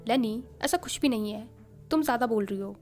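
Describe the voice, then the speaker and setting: Easygoing teasing big brother in a read-aloud story woman doing him, bit high, soft music behind. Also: fairly quick, natural voice. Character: young man, calm, teasing elder brother.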